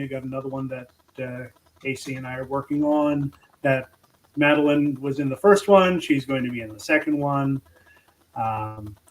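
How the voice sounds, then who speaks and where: Male panel guest, medium pitch, casual introduction, slightly distant microphone. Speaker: author and editor on panel. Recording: distant mic, faint background noise.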